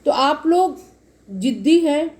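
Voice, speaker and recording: A woman reads tarot for her viewers, her high-pitched voice lively in intonation, a little mellow, and unhurried. She speaks to them directly and explains every card at length, going over the same points again.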